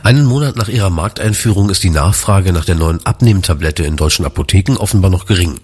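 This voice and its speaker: A man reads news bulletins in a formal, measured way. His voice is low and slightly husky. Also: darkish tone. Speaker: newsreader.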